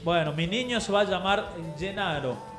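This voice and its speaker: A young Argentine man with a high-pitched, animated voice hosts a radio show, joking with his co-hosts at a normal speed. He's playful and boastful, slipping into a mock Italian act, speaking Argentine Spanish into a studio mic while wearing headphones. The studio sounds roomy, with music playing behind him.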